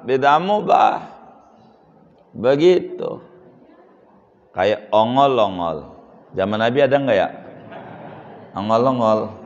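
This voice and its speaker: A male Islamic preacher, giving a religious lecture and teasing the audience with questions. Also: medium pitch. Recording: dull lo-fi sound in a reverberant hall.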